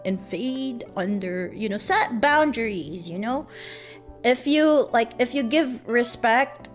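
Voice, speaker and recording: A young woman with a Filipino accent, casually teaching a language lesson on a livestream, giggling and rambling with lots of fillers. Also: fairly high pitch. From Philippines.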